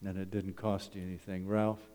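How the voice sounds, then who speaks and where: A middle-aged or older Canadian man, a wilderness school principal, gives a folksy slide talk in a church hall, his low, warm voice brisk and fairly level in pitch. He keeps the congregation laughing with conversational humor and frequent rhetorical questions, and the hall's long reverb echoes around him.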